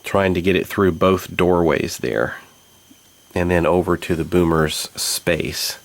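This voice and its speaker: A man hosting a tabletop board game playthrough, explaining the rules and thinking aloud about each move in a measured way. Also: sits low, level tone, vocal fry. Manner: measured, thinks aloud while checking moves.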